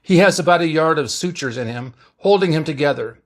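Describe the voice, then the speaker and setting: A man doing an irritable middle-aged ship's doctor in a read-aloud sci-fi story, barking lines above the narrator's pitch. Brusque and exclamatory, he sounds like a doctor under pressure. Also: expressive, brisk, close to an everyday voice.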